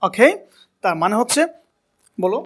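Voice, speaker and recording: A man's voice: sits high, expressive, normal speed, husky. A man teaching a spoken English class, asking a student to repeat words and correcting how they are said. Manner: coaching pronunciation, asks and repeats words.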